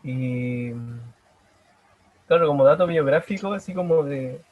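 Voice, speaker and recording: A young man with a Chilean accent, a painter answering interview questions in halting, self-correcting casual talk over a video call. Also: a little high, phone-quality sound. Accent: Chilean Spanish. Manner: hesitant, halting, many restarts.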